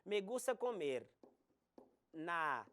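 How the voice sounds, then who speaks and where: A woman teaches Spanish grammar in a recorded online class. She talks slowly and deliberately, spelling out letters and examples one at a time. Her pitch swings widely as she stresses each point. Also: big pitch swings, fairly bright tone.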